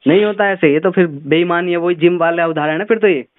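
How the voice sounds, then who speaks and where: Over a tinny phone line, a man with a high voice gives earnest, preachy motivational advice, talking fast and repeating words for emphasis.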